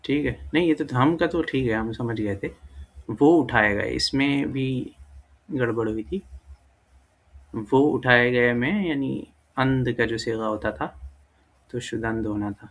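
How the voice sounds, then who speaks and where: A man talks through a language lesson in an easy, unhurried way. His voice carries a gravelly edge at mid pitch. He thinks aloud, trails off into fillers and stops to correct himself. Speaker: language teacher. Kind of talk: casual screen-recorded lesson.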